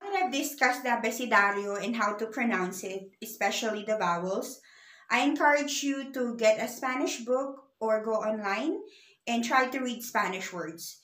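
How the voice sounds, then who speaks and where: A woman's voice: on the high side, fairly bright tone. A woman teaching a beginner language lesson, patiently spelling out letters and sounds one at a time. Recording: echoey room.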